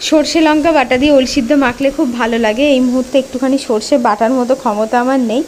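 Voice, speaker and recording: Pregnant woman from West Bengal, high bright voice, chatty cooking narration, faint noise under it. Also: fairly even intonation, very fast. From West Bengal, India. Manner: chatty, explains as she cooks. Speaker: village vlogger. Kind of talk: casual cooking vlog chat.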